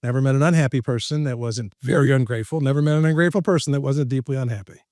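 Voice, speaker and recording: A man, a podcast guest who works as a professional speaker and trainer, telling stories in an animated, joking way with a confident, preacher-like rhythm. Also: medium pitch, very fast, dry recording, clean studio sound. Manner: lively, jokey, laughs at his own lines. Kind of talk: animated storytelling in conversation.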